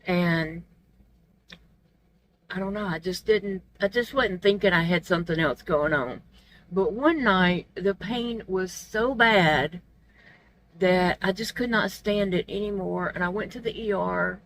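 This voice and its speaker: A woman's voice: fairly low pitch, a little slow. Toothless, gummy-sounding woman vlogging, noisy room. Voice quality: toothless, gummy articulation from not wearing teeth. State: feeling unwell. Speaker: vlog host. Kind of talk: casual personal vlog chat.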